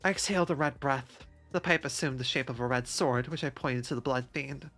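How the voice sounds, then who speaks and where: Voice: mid-range voice, a little fast, fairly bright tone, soft background music. A streamer narrating a visual game story live, breaking off often to laugh and joke. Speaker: streamer reading and voicing a game.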